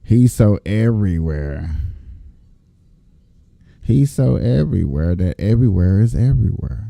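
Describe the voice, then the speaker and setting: A man's voice: on the low side, expressive, unhurried, vocal fry, dark tone, no echo. An American man giving casual commentary as a host, talking in a folksy, profane way and repeating phrases for emphasis. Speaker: host reacting to clips from his news feed.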